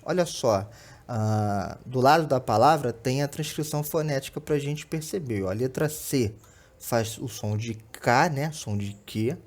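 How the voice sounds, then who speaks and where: With a mid-range voice and a Brazilian Portuguese accent, this young adult man walks students through slides in an online class. His explanations are patient, dotted with quick "tá?" and "né?" tags.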